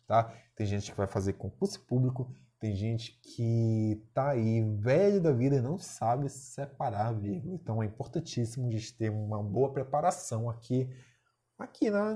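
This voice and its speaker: Brazilian guy teaching a video class, husky voice, mid pitch, keeps asking "né?". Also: a little mellow. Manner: explanatory, checks in often with "né?" and "tá?". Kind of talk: recorded video lesson.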